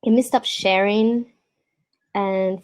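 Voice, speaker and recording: In a slow, steady, mid-range voice, a woman from San Juan, Puerto Rico, hosts an informal portfolio review over video call. She's a product designer and native Spanish speaker with a Puerto Rican accent, and she keeps things chatty.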